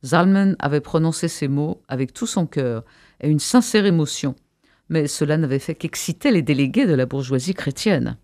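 A man presenting and reading aloud an excerpt of a novel, expressive with a few hesitations. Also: a little high, normal speed, no echo, clean studio sound. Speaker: radio presenter and reader.

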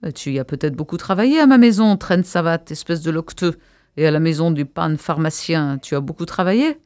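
A man voicing a crude, brutish town councillor who yells insults across the table, in a novel read aloud. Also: fairly high pitch, expressive, brisk, natural voice. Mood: contemptuous. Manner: shouting insults.

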